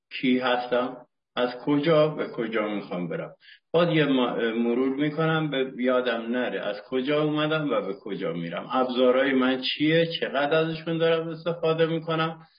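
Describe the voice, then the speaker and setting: A man shares at a recovery meeting, asking himself one rhetorical question after another and climbing to emotional peaks. His voice sits at a middle pitch and comes from far off the mic in a roomy space. The call audio is dull and muffled. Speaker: recovery meeting member sharing. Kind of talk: impassioned personal sharing. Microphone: online call.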